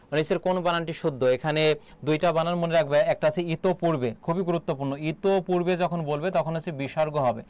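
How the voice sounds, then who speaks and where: Smooth-voiced man teaching a quiz class. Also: a little high, darkish tone. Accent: Bangladeshi Bengali. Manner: quizzing students with questions and repeating answers. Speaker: Bangla teacher. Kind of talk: live online exam-prep class.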